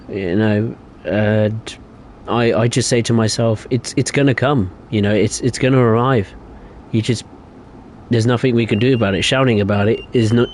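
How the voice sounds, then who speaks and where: Slight background noise accompanies a young man's lowish, darkish voice as he streams a game. He chats casually, giving opinions and rambling with lots of hesitations.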